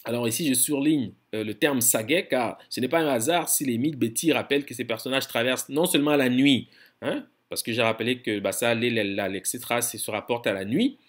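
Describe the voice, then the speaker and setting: A man of middling pitch lectures in a measured, scholarly way. He stumbles and repeats short words as he searches for the next phrase, then states his points firmly. He drags out foreign terms slowly to spell them out. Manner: firm, insistent explaining tone.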